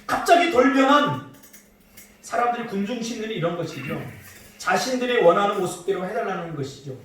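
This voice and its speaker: A middle-aged man preaches a sermon and teases his congregation with playful asides. His voice sits high and swings widely in pitch. It is picked up from a distance in a very echoey church hall, with faint noise behind. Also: animated, quick pace. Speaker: pastor. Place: church sanctuary.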